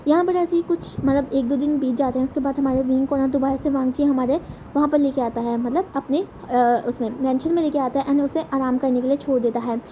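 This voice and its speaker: High-voiced woman retelling a story casually. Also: fairly even intonation, brisk, mellow, a little hiss or hum. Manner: chatty, repetitive, self-correcting. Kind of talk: casual fan-fiction retelling.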